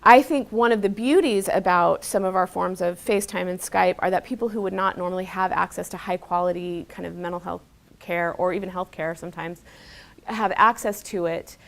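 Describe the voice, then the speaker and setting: A woman's voice: on the low side, fairly even intonation, a little fast, gravelly. A woman speaking as an expert guest, earnestly answering questions and stressing key words as she rephrases. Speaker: expert guest, mental health specialist. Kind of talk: answering audience questions at a talk.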